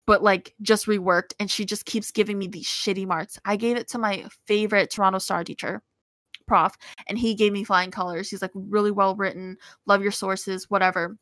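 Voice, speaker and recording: A woman in casual chat, candidly telling animated stories and acting out what others said. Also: medium pitch, a little fast, dry recording. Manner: candid, animated storytelling, acts out quotes.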